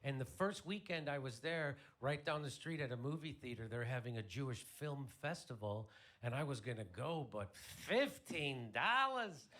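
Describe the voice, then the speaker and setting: A man's voice: medium pitch, moderate pace. A middle-aged man from Chicago's South Side doing stand-up on a club stage, telling stories in a wry, conversational way and slipping into voices for the people he quotes. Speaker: stand-up comedian. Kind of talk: stand-up comedy routine. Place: comedy club stage before a live audience.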